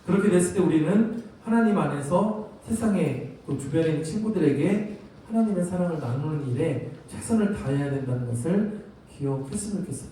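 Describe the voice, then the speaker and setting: A man's voice: on the high side, animated, a little fast, mellow, a little hiss or hum. A man preaching a youth sermon, talking to teens in a conversational way and telling stories before a closing prayer. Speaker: youth pastor. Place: large church sanctuary. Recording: very echoey hall, from a distance.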